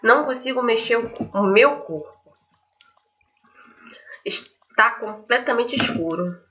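Speaking slowly in a slightly high, pushed, bright voice with lively intonation, this young Brazilian-accented woman hosts a gaming video. She reads game text aloud and chats with her viewers in a casual let's play, often using tag questions. Faint game music plays beneath a slightly dull microphone.

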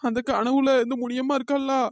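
A woman voicing a frightened, whiny village woman in a cartoon comedy, talking fast in pleading village chatter. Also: high-pitched, little pitch movement, dry recording, studio quality. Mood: tearful. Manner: fearful, pleading village chatter with drawn-out calls. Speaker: cartoon character.

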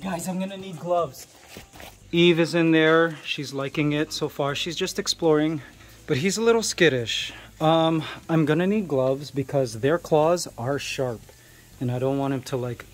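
A middle-aged man from Canada in a casual vlog, chatting to viewers as he shows an outdoor animal enclosure. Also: on the high side. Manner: chatty, explaining to viewers while handling pets. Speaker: vlogger.

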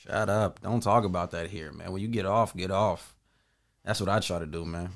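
A man's voice: deep voice, moderate pace. A man in his twenties hosting a reaction video, talking in laid-back slang. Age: 20s. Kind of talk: casual reaction commentary.

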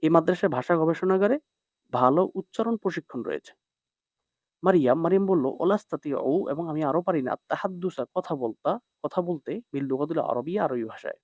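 This man's voice is fairly high, animated, a little quick and a touch mellow, with no room sound. He teaches an Arabic text one line at a time, translating each word and making sure his students follow. The classroom recording has a dry, dull, lo-fi quality.

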